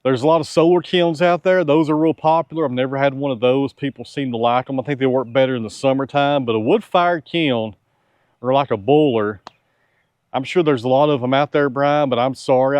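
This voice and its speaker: A man's voice: mid-range voice, a little fast, darkish tone, no room sound. Tired sawmill man, folksy and frank, mid-range voice, dry sound. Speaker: sawmill owner and channel host. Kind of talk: casual Q&A with viewers. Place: outdoors on a farm.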